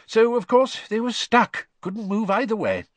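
A man's voice: high voice, sing-song, a little slow, dry recording, pitched above the performer's own voice. A man voicing a cheerful middle-aged father who explains things in a chatty, matter-of-fact way.

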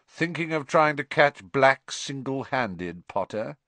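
A man reading aloud and voicing a spiteful teenage schoolboy who taunts in a quiet, sneering way. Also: mid-range voice, expressive, slow, no echo, voice pushed up. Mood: sly taunting.

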